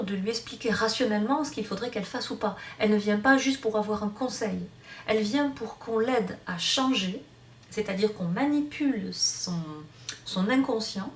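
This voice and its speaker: A woman teaches a hypnosis course in an online lecture, explaining off the cuff with many fillers and restarts. Her voice is mid-range, and she's far from the mic, so the sound is roomy and off-mic.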